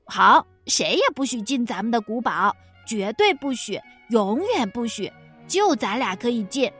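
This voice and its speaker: A woman's voice: on the high side, normal speed, soft background music. A woman voicing a brave, boastful young male crow who squawks and gets indignant easily. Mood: insistent. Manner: excitable and indignant.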